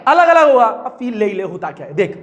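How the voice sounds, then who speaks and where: A man's voice: high voice, sing-song, fairly quick, fairly bright tone, muffled recording, slight background noise. A man teaching a physics class, dictating notes and prompting students to repeat key words.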